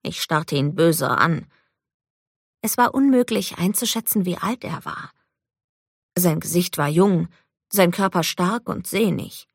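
A woman narrating a fantasy novel in the first person with a measured storytelling delivery. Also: fairly low pitch, animated, vocal fry, husky, no room sound, studio quality. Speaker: audiobook narrator.

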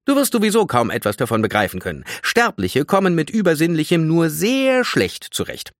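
A man voicing a condescending young female tree nymph in a storybook reading, raised high above his own voice. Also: sing-song, normal speed, a bit bright, dry recording, clean studio sound. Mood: haughty. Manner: condescending, know-it-all.

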